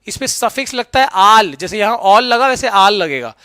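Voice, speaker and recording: A middle-aged man teaching chemistry in a lively lecture, often checking in with "right?" and mixing English terms into his talk. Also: sits high, normal speed, clear, resonant tone, dry recording, studio quality. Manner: lively, keeps asking students "right?"; mixes English terms into Hindi. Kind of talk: explanatory classroom lecture.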